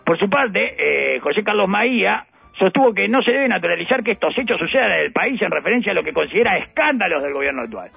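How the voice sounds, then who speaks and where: A man's voice: sits high, very animated, quick pace, creaky, hardly any pauses, husky, faint music behind. A man with a Uruguayan accent giving satirical political commentary on the radio, ironic and rambling with playful asides. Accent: Uruguayan Spanish. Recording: dull lo-fi radio audio.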